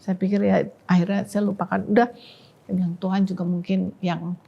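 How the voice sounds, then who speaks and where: A woman giving an emotional personal testimony on a talk podcast, dropping to a hush when she quotes prayers. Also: mid-range voice, level tone, fairly quick, vocal fry, lo-fi sound. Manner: emotional storytelling, quoting prayers softly. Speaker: podcast guest.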